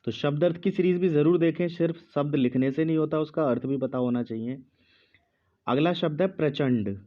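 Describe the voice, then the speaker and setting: Slow, deliberate male teacher. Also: on the high side, highs cut off. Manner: speaks slowly with pauses, repeats each word. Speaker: Hindi teacher. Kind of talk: slow dictation lesson.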